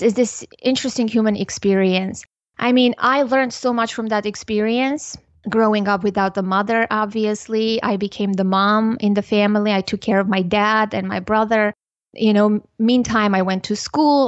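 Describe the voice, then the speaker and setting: A woman's voice: medium pitch, no echo. Woman in her 40s, thoughtful podcast guest, kinda muffled lo-fi sound, dry. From Armenia. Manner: earnest, measured, thoughtful. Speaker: podcast guest, parenting educator. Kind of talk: reflective interview talk. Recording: slightly muffled dry recording.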